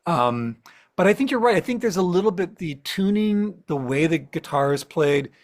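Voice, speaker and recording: Animated man, musician guest. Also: sits high, normal speed. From central Ohio. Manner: animated, acts out his own thoughts in quotes. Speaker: singer-songwriter and music professor guest. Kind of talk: casual interview chat.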